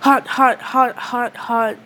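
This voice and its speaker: Asta, a woman doing a shrill, excited young guy. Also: takes it slowly, a little hiss or hum. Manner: shrill yelling. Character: loud, excitable young male hero.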